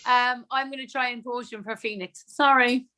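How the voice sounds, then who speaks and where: A woman's voice: fairly high pitch, fairly even intonation, moderate pace, sharp tone. A woman co-hosting a casual chat in a teasing, jokey way. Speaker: co-host.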